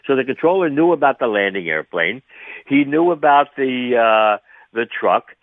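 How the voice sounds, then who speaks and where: An older man, a retired air traffic controller, shares his opinions as a guest calling in to a radio show. He speaks spontaneously in a halting, reflective manner, repeating phrases for emphasis. His mid-range voice has no echo, but the phone line is tinny and band-limited.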